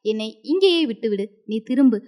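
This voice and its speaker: An elderly, ailing mother speaks softly and selflessly to her son, as a woman reads her lines. The voice stays high and lilting in this storybook telling. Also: animated, moderate pace, close to an everyday voice. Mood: gentle. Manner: soft, gentle.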